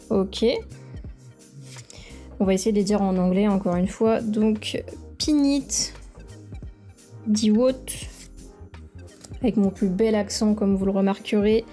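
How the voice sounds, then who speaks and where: Opening packs of trading cards, a young video creator gushes over each one in casual, enthusiastic commentary. She has a warm, mid-range voice, with faint background music behind her.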